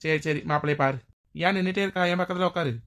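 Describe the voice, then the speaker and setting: A woman playing a feisty, quick-tempered village woman in a skit. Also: fairly low pitch, fairly bright tone, natural voice. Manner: brash, bossy.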